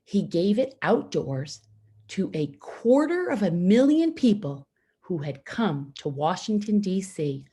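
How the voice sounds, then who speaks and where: This storybook reader for schoolchildren narrates a picture book aloud in a slow, expressive way. Her delivery is deliberate and simply phrased, with pauses for the young audience, and her voice is medium in pitch with a slight roughness.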